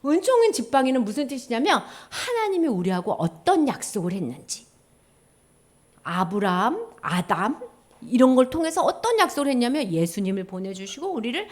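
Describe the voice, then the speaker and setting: Woman children's preacher, high and very lively voice, acts out every character in the Bible story. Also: normal speed. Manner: animated, acts out characters and sound effects.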